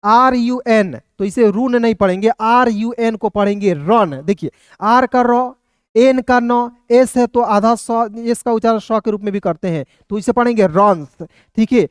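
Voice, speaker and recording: Clear-voiced man teaching English reading. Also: high-pitched, measured pace, dry recording, studio quality. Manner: spells words letter by letter, often calls listeners friends. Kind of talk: online English reading lesson.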